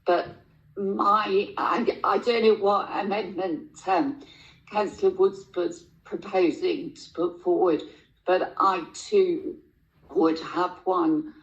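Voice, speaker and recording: Woman councillor talking really slowly, lowish gravelly voice, halting, echoey room. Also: fairly even intonation. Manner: halting, deliberate. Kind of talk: formal speech at a council meeting. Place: indoor council meeting room. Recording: echoey meeting room, muffled lo-fi sound.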